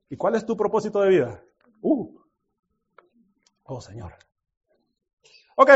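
A man preaching a sermon in an animated way, dropping to soft asides and rising to shouted exclamations, often laughing. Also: high voice. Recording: dull lo-fi recording.

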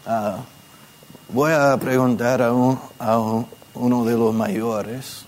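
A man teaching a church gathering in a conversational way, asking listeners questions and gently demonstrating how to pray. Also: mid-range voice, steady tone, takes it slowly, a little hiss or hum. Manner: patient, asks questions and demonstrates prayers softly.

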